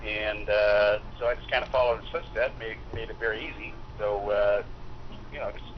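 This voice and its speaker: Man on a muffled speakerphone. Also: on the low side. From Utah, USA. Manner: calm, explanatory, pauses often to think. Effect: heard over a speakerphone. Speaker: airline pilot, guest. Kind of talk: casual phone interview. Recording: muffled speakerphone call with steady noise.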